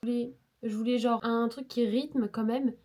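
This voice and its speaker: A woman's voice: fairly high pitch, steady tone, normal speed, heavy background noise. A woman vlogger with a cold, talking in a nasal voice, chatting casually and rambling with self-mocking asides. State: sick with a cold. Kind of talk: casual vlog chat. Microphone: lapel mic into phone.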